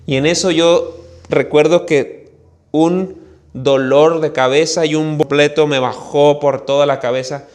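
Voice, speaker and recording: A Mexican man preaching a sermon, telling a childhood story in an animated way and acting out the voices of the people in it. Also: on the high side, a little slow. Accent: Mexican Spanish. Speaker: pastor.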